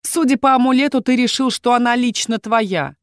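A woman's voice: fairly high pitch, normal speed, dry recording, studio quality, voice pushed up, lightly acted. A woman voicing a young male mage with a mocking manner.

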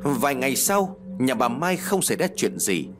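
A man reading a ghost story aloud as narrator, in a steady, expressive way. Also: medium pitch, normal speed, over music.

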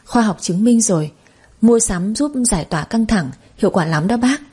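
A woman voicing a scheming young woman who flatters in a honeyed, ingratiating way. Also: mid-range voice, moderate pace, husky. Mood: sugary flattering.

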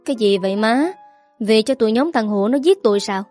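A woman's voice: fairly high pitch, animated, fairly quick, darkish tone, faint music behind, natural voice. A woman voicing a sulky, evasive 22-year-old son in gambling debt. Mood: anxious.

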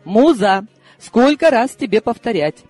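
A teasing, commanding old grandmother from an audiobook, read by a man, her lines pitched high and swinging widely in tone. She sounds sharp and sarcastic, used to getting her own way. Soft music plays faintly underneath. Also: expressive, unhurried, exaggerated voice. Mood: bossy, teasing. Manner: bossy, teasing. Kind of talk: audiobook reading.

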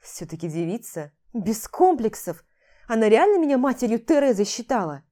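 A woman's voice: a little high, big pitch swings, moderate pace, warm tone. A woman narrating a novel in the first person, with a tired, sardonic edge in the lead's lines. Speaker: audiobook narrator.

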